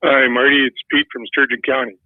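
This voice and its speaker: A man's voice: mid-range voice, level tone, brisk, no echo. An older man from Quebec calling in to a radio show, talking in an earnest, personal way. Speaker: caller. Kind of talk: phone-in caller. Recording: tinny phone line.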